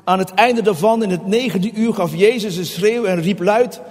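A man's voice: high-pitched, moderate pace, a little mellow. A man preaching a sermon, passionate, who voices prayers in a raised, pleading tone. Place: hall. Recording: long hall reverb.

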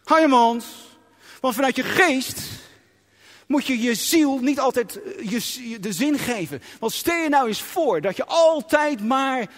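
A male pastor delivers a sermon with emphatic, dramatic stresses and acts out inner voices. His voice sits very high, and a long reverb from a large hall trails each line. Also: lively intonation, unhurried, a bit bright.

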